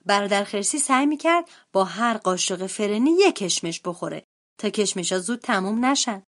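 A woman reading a children's storybook aloud as narrator, in an expressive, lively way. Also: mid-range voice. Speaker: translator and storybook reader.

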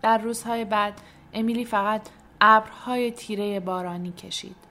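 A woman reading a children's storybook aloud in a soft, gentle way, sometimes dropping almost to a whisper. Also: medium pitch, steady tone. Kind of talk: scripted storybook narration.

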